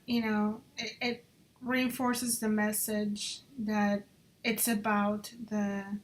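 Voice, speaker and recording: Speaking in a voice on the high side with a sharp edge, a woman applying for a job talks through her designs on a screen recording. She chats and mutters as she goes, now and then slipping into Spanish.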